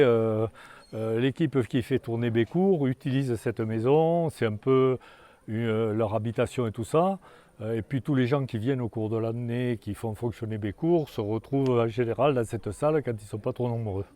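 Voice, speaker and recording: Giving a guided tour talk in an outdoor hamlet, an elderly male guide speaks in a mellow low voice, stopping and starting with many fillers and false starts.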